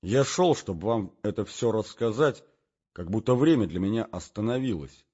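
Husky guy reading a story, wistful and dramatic, kinda lo-fi sound. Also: on the low side, expressive, normal speed, dark tone. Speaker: narrator. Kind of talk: literary audiobook reading. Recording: dull lo-fi recording.

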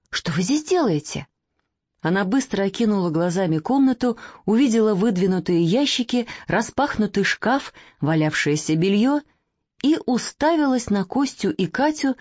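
A woman narrating a children's story in an animated, dramatic reading. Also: mid-range voice, moderate pace, dry recording. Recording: dry, slightly dull recording.

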